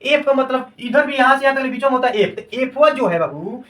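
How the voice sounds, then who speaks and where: A man's voice: very high voice, lively intonation, brisk, a bit bright, recorded from a distance, low-quality recording. A man teaching a classroom science lesson. He repeats each term as a question and then answers it, and calls his students "babu".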